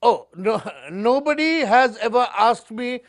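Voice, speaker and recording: A man playing a pompous, self-important celebrity author in a comedy sketch mock interview, speaking in a deliberate, self-promoting way. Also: very high-pitched, animated, exaggerated voice.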